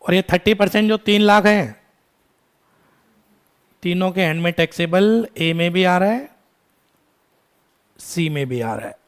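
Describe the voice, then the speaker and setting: A man with a fairly high voice teaches a tax class. He fires questions at his students, answers them himself, and slips in affectionate, scolding asides. His English terms carry an Indian accent. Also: lively intonation, clean tone. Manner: quizzing students, calling them "beta", brisk scolding asides. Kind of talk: classroom lecture.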